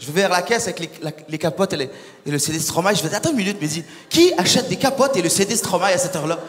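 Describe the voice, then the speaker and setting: A young man doing a stand-up comedy set on stage, animated and acting out little scenes. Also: sits high, fast talker. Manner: animated, acts out voices and characters. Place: large concert hall on stage. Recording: live hall with long reverb.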